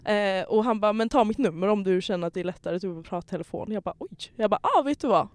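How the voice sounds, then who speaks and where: A young woman in casual chat as a podcast co-host, telling dating stories and acting out messages with lively energy. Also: mid-range voice, dry recording.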